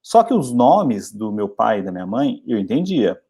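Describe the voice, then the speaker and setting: Lively storyteller man, mellow voice. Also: moderate pace, slightly rough. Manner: chatty, animated storytelling with lively pitch jumps. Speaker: English teacher. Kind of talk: storytelling English lesson.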